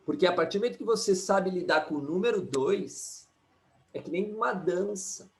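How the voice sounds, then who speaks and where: A man, an astrologer and numerologist, giving an animated live talk and often tagging his points with "né?". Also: high voice, normal speed, creaky. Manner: animated, keeps asking "né?", acts out quotes. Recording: echoey room.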